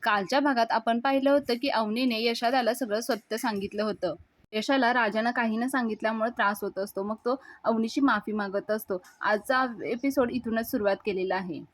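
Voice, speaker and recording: A woman reviewer narrating a steady recap of a television serial episode. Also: a little high, fairly quick, no room sound.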